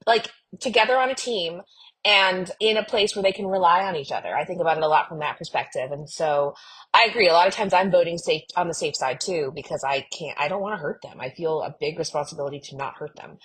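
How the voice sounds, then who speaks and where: On a rough recording, a female podcast co-host with a low, fairly bright, breathy voice chats casually as a fan. She's earnest and emphatic, sprinkling "like" throughout her speech.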